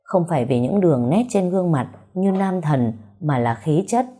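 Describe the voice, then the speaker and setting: A woman narrating a romance story, with even, unhurried reading. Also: low voice.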